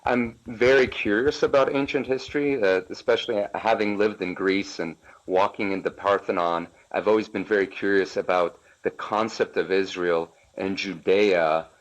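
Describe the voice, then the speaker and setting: Male caller from Poland, deep voice, curious and halting, dull lo-fi line. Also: fairly even intonation. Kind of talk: casual chat. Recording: dull lo-fi audio.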